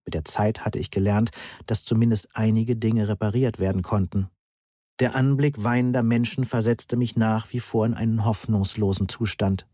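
A man reading a novel aloud in the first person in an even, measured way. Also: on the low side, no room sound, clean studio sound. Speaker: audiobook narrator.

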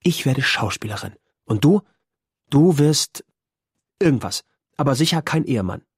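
A determined teenage girl, as a male narrator puts her on, speaking with quiet, firm resolve. Her voice sits higher and has a slightly husky edge. The audiobook sound is close and dry. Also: normal speed, no room sound. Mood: teasing. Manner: calm, firm, raised pitch. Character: determined teenage girl, resigned yet teasing. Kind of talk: audiobook character voice.

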